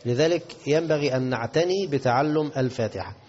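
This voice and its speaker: An Egyptian man giving a religious lesson in a mosque, reciting slowly and carefully, then explaining in quick asides. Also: a little high, darkish tone, slight background noise. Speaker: mosque teacher. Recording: dull lo-fi lecture recording.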